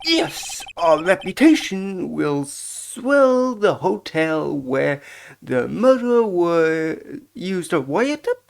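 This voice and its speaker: A woman's voice: fairly low pitch, very animated, slow, gravelly, voice pushed up, exaggerated voice. Woman doing an obsequious young bellboy. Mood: fawning. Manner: obsequious and overly polite. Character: fawning young male hotel bellboy. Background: game music.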